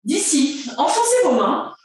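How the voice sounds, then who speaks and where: A woman with a fairly high voice guides a pilates session, cheerful and encouraging, counting out repetitions. Her voice rings in a very echoey room, picked up from a distance. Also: big pitch swings, a little slow. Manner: cheerful, encouraging, counts reps aloud, laughs often. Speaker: pilates instructor. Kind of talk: guided workout instruction.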